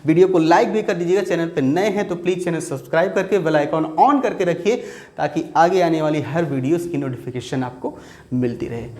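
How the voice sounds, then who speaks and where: A man teaching spoken English to viewers, repeating words slowly to drill the pronunciation and speaking to the audience directly. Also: on the high side. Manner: lively, addresses viewers directly. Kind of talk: Hindi-language lesson.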